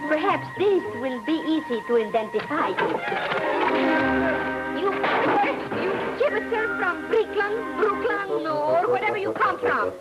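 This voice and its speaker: A woman's voice: extremely high pitch, animated, takes it slowly, exaggerated voice, poor audio. An actress playing a playful, coy young woman in 1940s film comedy style, with music behind.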